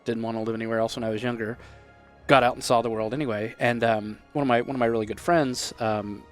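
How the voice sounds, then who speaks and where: A man's voice: medium pitch, fairly even intonation, soft background music. A man from Texas with a Texan accent, chatting casually and jokily while playing a game with a friend. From Texas, USA. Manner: jokey, eager, quick to laugh along. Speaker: game co-host. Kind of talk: casual gameplay chat.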